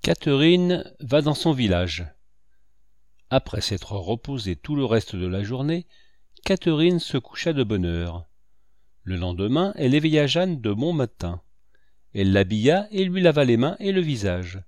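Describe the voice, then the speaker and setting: Lively male storybook reader. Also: mid-range voice, normal speed, no echo, studio quality. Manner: lively, expressive reading. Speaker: audiobook reader. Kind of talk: scripted storybook narration.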